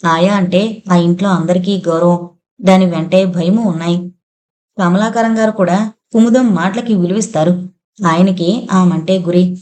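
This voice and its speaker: A woman narrating an audio novel in a steady, measured storytelling manner. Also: mid-range voice. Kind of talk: scripted narration.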